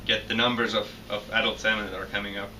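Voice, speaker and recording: A man's voice: lowish voice, level tone, fast talker, bright, forceful tone. A young man from Finland with a Finnish accent, answering interview questions as a PhD student, hesitant and full of restarts. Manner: hesitant, many restarts and repeated words. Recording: distant mic with faint noise.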